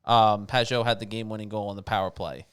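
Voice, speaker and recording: A man's voice: lowish voice, steady tone, fast talker, fairly bright tone, smooth. A man with a New York accent co-hosting a hockey talk show, rambling a little, correcting himself, with dry wit. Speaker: podcast co-host.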